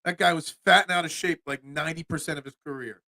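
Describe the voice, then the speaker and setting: A Philadelphia-accented man in his forties hosts a solo sports talk show, rambling and restarting with stammers as he reads the chat and throws chatty asides to viewers. His voice sits on the high side with fairly even intonation, a quick pace and a sharp tone, and there's no room sound.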